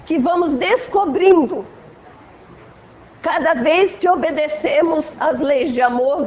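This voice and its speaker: High-voiced Brazilian woman lecturing. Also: highs cut off, slight background noise. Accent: Brazilian Portuguese. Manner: conversational, frequent "né?" tags, acts out examples. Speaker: lecturer at a Spiritist center. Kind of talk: spiritual lecture. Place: assembly hall of a spiritual center.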